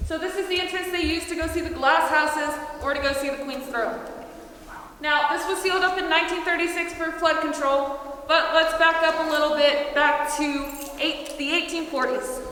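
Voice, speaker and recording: A woman's voice: high voice, steady tone, moderate pace, fairly bright tone. A woman cave tour guide explaining things to a group of visitors, her voice carrying a cave echo as she is recorded from some distance inside a show cave. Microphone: vlogger's camera from a distance. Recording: echoey cave, voice from far off, with background noise.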